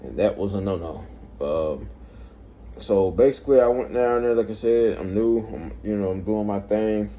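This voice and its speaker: A man's voice: lowish voice, normal speed, dark tone, slight background noise. A man telling a rambling, profane, frustrated story about his work in a casual vlog. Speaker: vlogger, former delivery driver. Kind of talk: casual venting monologue.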